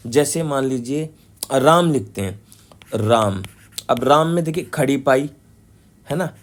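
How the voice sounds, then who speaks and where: A man giving a classroom lecture, explaining step by step, slowly sounding out syllables and often checking that students follow. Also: fairly high pitch, darkish tone. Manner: explanatory, repeats key terms and checks understanding. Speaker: teacher.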